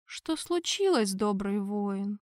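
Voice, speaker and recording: A woman voicing a gentle, soft-spoken elderly pope. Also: a little high, lively intonation, a little slow, no room sound, clean studio sound. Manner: soft, mild.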